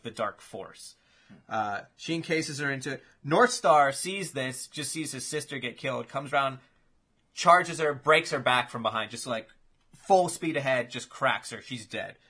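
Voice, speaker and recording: A man hosting a casual chat, telling imagined fight matchups in an animated, swearing play-by-play. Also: medium pitch, moderate pace, husky.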